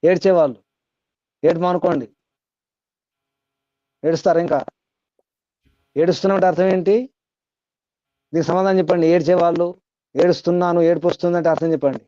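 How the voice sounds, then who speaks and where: A man's voice: on the high side, steady tone, a little fast, pauses often, mellow, no room sound, highs cut off. A man giving a spiritual discourse to a class, repeating points, chanting Sanskrit verses and quizzing his listeners. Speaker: spiritual teacher.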